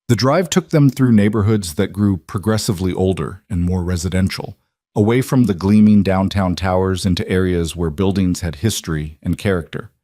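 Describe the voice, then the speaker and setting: A man narrating a scripted story in an even, measured audiobook manner. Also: sits low, no echo, studio quality.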